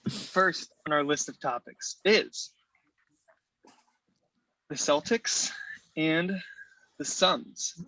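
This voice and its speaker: A man's voice: a little high, slow, pushed and bright, dry recording, low-quality recording. A man guest-hosting a podcast episode in a jokey, playful casual chat.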